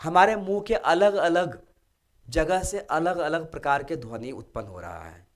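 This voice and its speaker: A man's voice: on the high side, lively intonation, a little slow. A male teacher giving a classroom lecture, explaining step by step and checking in with his students. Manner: explanatory, asks students rhetorical check-in questions.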